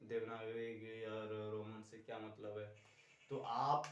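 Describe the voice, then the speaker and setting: A man's voice: fairly low pitch, level tone, takes it slowly, fairly bright tone, highs cut off. A male teacher giving a lesson, explaining step by step and asking and answering his own questions. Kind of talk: classroom lecture. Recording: echoey room, distant mic.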